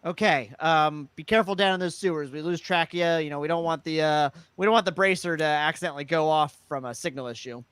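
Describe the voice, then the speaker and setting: A man narrating as game master of a tabletop role-playing podcast, halting and full of fillers. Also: a little high, a bit bright, clean tone, no echo, rough recording. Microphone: podcast microphone.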